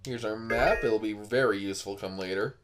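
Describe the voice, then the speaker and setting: A man's voice: on the low side, a little fast. A man giving casual game commentary as a let's play host, with game music behind him.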